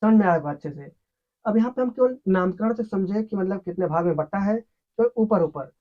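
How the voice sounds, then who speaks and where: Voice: mid-range voice, expressive, normal speed. A teacher giving an explanatory science lesson who asks questions, answers them, and repeats the key terms. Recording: dull, lo-fi recording.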